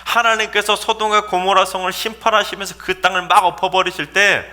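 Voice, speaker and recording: A man's voice: high-pitched, level tone, fairly quick, pushed and bright. A man preaching a sermon as a pastor, emphatic and full of dramatic rhetorical questions.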